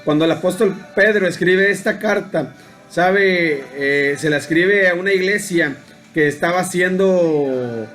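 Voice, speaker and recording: A man preaching a daily devotional in a slightly high voice, taking his time and circling back on his words with frequent fillers and tag questions as he tells a story. Soft music plays faintly underneath. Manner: unhurried, halting, many fillers and tag questions.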